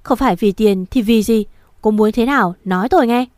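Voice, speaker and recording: A woman's voice: on the high side, animated, moderate pace, no echo, close to an everyday voice. Woman doing old grandmother, scornful, scolding, wealthy, storybook reading, dry sound. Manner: scolding, shouting insults.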